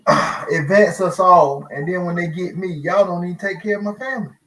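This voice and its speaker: Guy talking casually, kinda high voice, emphatic, repeats himself, bit of noise behind him. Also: a little fast, fairly bright tone, poor audio. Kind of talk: casual group discussion.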